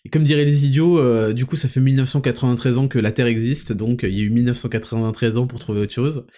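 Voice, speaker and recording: A man's voice: mid-range voice, fairly even intonation, fast talker, warm tone. A young man hosting a casual monologue vlog while walking, talking in a crude, rambling, ranting way. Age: young adult. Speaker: host.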